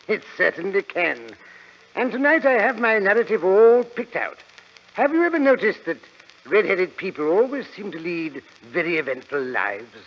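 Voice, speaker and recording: A man's voice: high-pitched, sing-song, normal speed, heavily acted. A man playing a genial, bumbling British doctor in a 1940s radio drama, fussy and a little hesitant. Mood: genial storytelling. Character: genial, bumbling older English doctor and storyteller. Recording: dull, hissy old radio recording.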